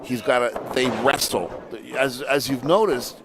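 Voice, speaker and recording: Male lucha libre commentator over clear noise. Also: medium pitch, a little slow. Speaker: wrestling color commentator. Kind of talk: conversational lucha libre match analysis. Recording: noisy outdoor live event sound.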